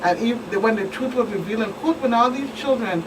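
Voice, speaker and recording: A woman with a Virgin Islands Caribbean accent appears as a guest expert on a talk show, a police commander recounting cases with emphasis and repeating phrases. Her voice sits on the high side, with lively intonation and a fairly quick pace. It was recorded on a distant mic over a noisy room hum.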